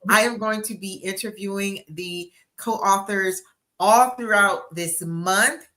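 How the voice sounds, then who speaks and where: Woman, 60s, host, book coach, livestream interview, upbeat, encouraging, bright voice, video call. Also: mid-range voice, slow pace. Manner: upbeat, encouraging, repeats herself.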